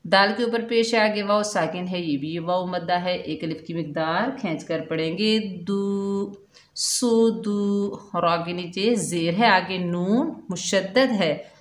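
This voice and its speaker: A woman teaching Quran recitation slowly and patiently, drawing out the recited words in a chant. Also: lowish voice, reverberant. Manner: slow, patient explaining with drawn-out chanted recitation. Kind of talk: step-by-step recitation lesson.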